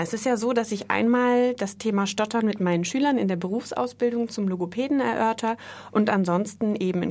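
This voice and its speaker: A woman's voice: mid-range voice, darkish tone. A woman who teaches speech therapy, a guest in a radio studio, answering questions thoughtfully with small fillers.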